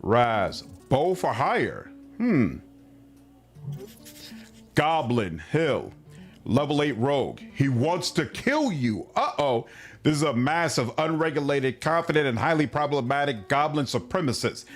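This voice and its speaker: A man's voice: medium pitch, animated, measured pace, faint music behind. A man streaming a role-playing game, reading its dialogue aloud and reacting wryly. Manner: wry, reacting and reading on-screen text aloud.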